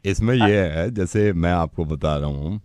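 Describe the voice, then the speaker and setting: A male radio host running a prank call, talking calmly and patiently in a soothing, reassuring way. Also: sits low, unhurried, no echo. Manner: calm, patient, then laughing and teasing.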